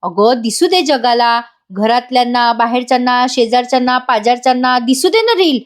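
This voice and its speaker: A woman's voice: a little high, normal speed, natural voice. A woman voicing a firm, outspoken middle-aged mother from a TV serial. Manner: firm, blunt.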